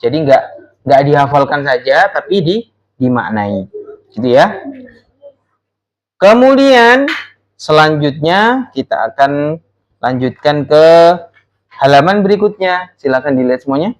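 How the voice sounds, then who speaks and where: A man leads a classroom Arabic lesson with a patient, coaxing manner. He repeats words and phrases for his students. His voice sits a little high for a man. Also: lively intonation, normal speed, pauses often, poor audio. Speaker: Arabic teacher.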